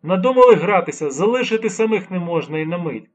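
A man's voice: high-pitched, animated, fast, voice pushed up. Man voicing a stern, weary lieutenant. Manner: barking orders, sighing. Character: weary stern male army lieutenant, commander. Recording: dull lo-fi recording.

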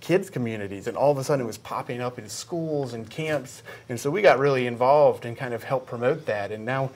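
Casual man with a halting, mid-pitched delivery. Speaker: game creator, interview guest. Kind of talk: casual interview chat. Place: small indoor video studio. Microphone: clip-on lapel mic.

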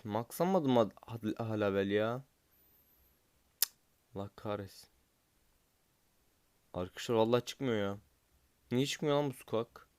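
Young male gaming commentator, impatient and cursing, smooth voice, dry close sound. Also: fairly low pitch, darkish tone, dry recording. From Turkey. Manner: frustrated, impatient, swears at the game. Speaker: gaming YouTuber.

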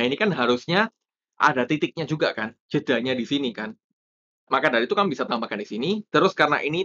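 A man teaching copywriting in a casual explanatory way, with lively emphasis on key points. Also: mid-range voice, highs cut off. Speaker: copywriting instructor.

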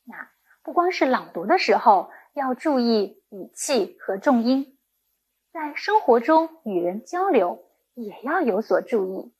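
A woman's voice: fairly high pitch, big pitch swings, a little slow, darkish tone, husky. A woman primary school teacher giving a recorded lesson to young children, speaking in a patient, encouraging way.

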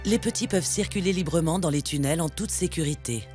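Higher-voiced man narrating nature documentary over music. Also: fairly quick, a little mellow. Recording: music bed under the narration. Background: background music, animal sounds.

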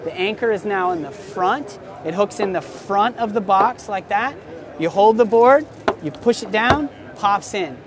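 A man's voice: high voice, expressive, unhurried. A young man in his twenties hosting an enthusiastic, salesy product demo at a busy indoor expo booth, talking close to the camera. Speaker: surf shop host. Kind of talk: trade show product demo.

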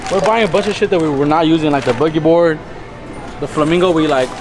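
A man's voice: fairly high pitch, fast, noisy background. A young man hosting a vlog, chatting casually with friends in laid-back slang. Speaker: vlog host.

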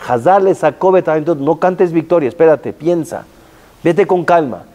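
A man, a rabbi giving a sermon, telling the story with lively rhetorical questions to his listeners and Hebrew terms mixed in. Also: fairly high pitch, moderate pace.

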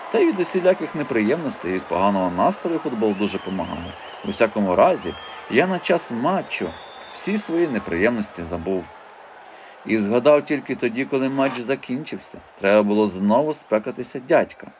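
A man narrating a children's audiobook as a lively first-person storyteller. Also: on the low side, background noise.

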